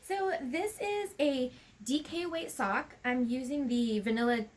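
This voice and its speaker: A woman hosting a podcast in casual chat, relaxed and talkative with lots of fillers. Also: sits high, a little slow. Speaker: podcast host.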